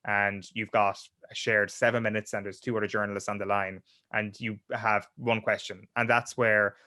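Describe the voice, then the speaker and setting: A man's voice: on the low side, flat delivery, moderate pace, pushed and bright, dry recording. Chatty man, dry close sound. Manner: chatty, many restarts and fillers. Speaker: sports journalist guest. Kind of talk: casual podcast interview.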